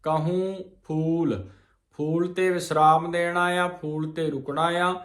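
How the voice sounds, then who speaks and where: A man teaching scripture pronunciation, reciting each verse slowly and then spelling out its syllables. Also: on the high side, flat delivery, fairly bright tone, echoey room. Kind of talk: slow pronunciation lesson on scripture.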